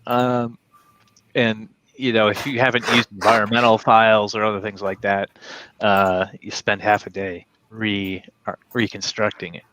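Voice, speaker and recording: A man co-hosting a livestream over a video call, chatting in a relaxed, jokey way about his projects. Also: fairly low pitch, moderate pace. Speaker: co-host. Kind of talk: casual livestream chat.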